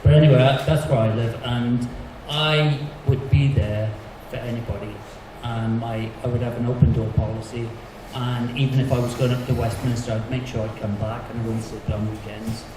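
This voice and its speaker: A man's voice: medium pitch, level tone, moderate pace. A man from the South Wales Valleys with a Valleys accent, talking informally as a candidate at a hustings. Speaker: election candidate. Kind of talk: informal answering at a public hustings. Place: indoor public meeting hall. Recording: very echoey, distant, noisy hall.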